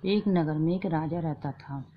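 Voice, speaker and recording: Low-voiced woman telling a folk tale. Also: a little slow, phone-quality sound, a little hiss or hum. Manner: plain, homely, repetitive phrasing with fillers. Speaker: storyteller. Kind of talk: casual retelling of a folk fasting tale.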